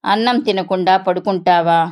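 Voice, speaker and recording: A woman's voice: mid-range voice, normal speed, darkish tone, lightly acted. A woman voicing a caring mother who scolds and soothes her young son, in a plain read-aloud character voice. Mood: tender, scolding. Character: caring village mother, scolding yet tender.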